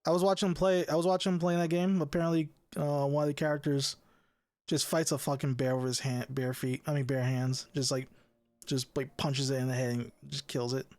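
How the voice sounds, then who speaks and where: A man's voice: fairly high pitch, flat delivery, brisk, darkish tone, no echo. A young man hosting a casual podcast chat, rambling with lots of restarts, swearing and laughing. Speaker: podcast host.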